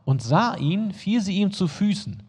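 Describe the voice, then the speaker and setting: Husky-voiced male preacher in a reverberant hall. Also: sits high, animated, a little slow, a little mellow. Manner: reads the text, then adds casual plain-spoken asides to the congregation. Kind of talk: sermon, reading scripture aloud and explaining it.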